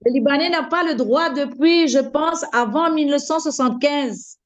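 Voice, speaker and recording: Captured in a dull, lo-fi recording, a Mauritian woman with a high voice joins a casual group conversation at a moderate pace. She talks a lot and tends to say her phrases more than once.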